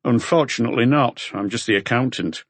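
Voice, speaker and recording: In an audiobook, a man voices a short, grumpy accountant who is defensive but talkative, curt and guarded as he explains things. His medium-pitched delivery is fairly quick and natural, recorded with no room sound.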